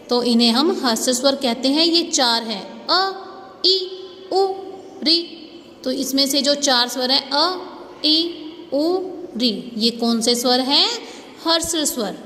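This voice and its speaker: A woman school teacher giving a slow, patient grammar lesson to young students, often checking that they follow. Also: high-pitched, fairly bright tone. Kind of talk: online class lesson. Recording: echoey room with faint ambience.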